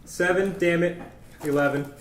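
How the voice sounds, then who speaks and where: A man's voice: fairly high pitch, fairly even intonation, moderate pace, reverberant, background noise. A man playing a tabletop game with friends in casual, profane, blunt and exasperated banter.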